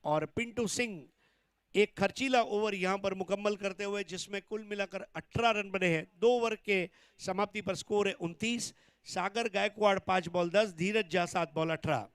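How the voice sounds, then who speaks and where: A man delivers excited cricket commentary as the play-by-play caller. His voice is high-pitched and clear, with very little room sound. He stretches his words out when calling the big shots. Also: moderate pace, no room sound.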